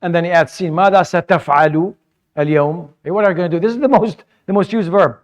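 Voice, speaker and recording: Male teacher, fairly high voice, patient classroom lecturing that stumbles over repeated words. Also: very fast, lo-fi sound. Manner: patient, repeats words while searching for phrasing; mixes English explanation with Arabic vocabulary. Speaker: Arabic teacher.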